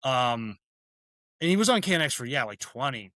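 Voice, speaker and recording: Male guest, former DJ turned brewer; bright, forward tone, loose self-correcting delivery, dry room. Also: medium pitch, big pitch swings, no room sound. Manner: rambling, self-correcting, quick laughs. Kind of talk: casual interview chat.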